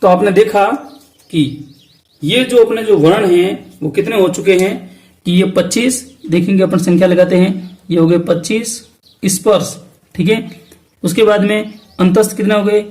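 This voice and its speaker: A man with a Rajasthani Hindi accent teaches an exam-prep lesson in a fairly high voice. He poses each question aloud and answers it himself, slowing to repeat key terms. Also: fairly even intonation, darkish tone. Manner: asks questions then answers them himself.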